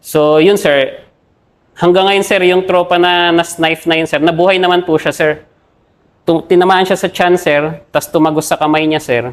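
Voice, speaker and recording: Deferential young Filipino army officer. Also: male voice, fairly high pitch, steady tone. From Philippines. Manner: deferential, says "sir" after nearly every phrase, halting. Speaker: army captain, interview guest. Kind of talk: interview recounting combat.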